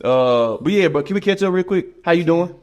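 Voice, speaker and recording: A man's voice: on the high side, expressive, brisk, darkish tone, dull audio. A man co-hosting a podcast in a studio, chatting casually, laughing and repeating "man" and "bro". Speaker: podcast co-host. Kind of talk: casual chat.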